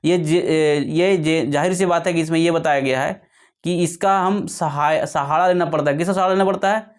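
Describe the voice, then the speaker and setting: This lesson comes from a man whose voice is a bit high and steady in tone, pitched slightly louder than normal. Slow and repetitive, he circles back over each point, corrects himself along the way, and answers his own questions.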